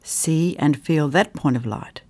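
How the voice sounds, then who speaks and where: Long pauses mark this guided meditation, delivered gently at medium pitch by a guide who sometimes drops to a soft whisper.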